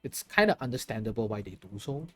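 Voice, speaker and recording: A man's voice: lowish voice, expressive, fast talker, faint music behind. A tired man chatting casually while streaming a game, laughing often and answering his chat.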